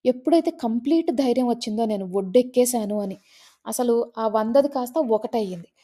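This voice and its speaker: A woman with a slightly high but very dark, mellow voice tells a story to her listeners. She speaks the way a meditation teacher chats, loose and conversational, with fillers and restarts as she goes. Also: brisk. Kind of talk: casual spoken storytelling.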